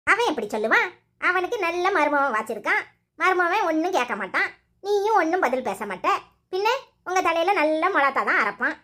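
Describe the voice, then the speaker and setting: A woman voicing a nagging, sharp-tongued old mother-in-law in a cartoon, speaking Tirunelveli Tamil with quick, sarcastic scolding. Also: very high voice, very animated, full character voice.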